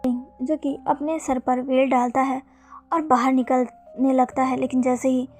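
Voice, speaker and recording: A woman narrating fan fiction in a steady, plain storytelling manner. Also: high voice, measured pace. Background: faint background music.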